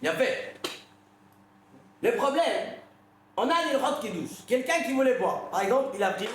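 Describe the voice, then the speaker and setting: A man's voice: extremely high pitch, animated, moderate pace. A man, a rabbi, giving an informal religious lesson, telling stories and putting questions to his listeners. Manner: conversational storytelling, questions the audience. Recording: very echoey room.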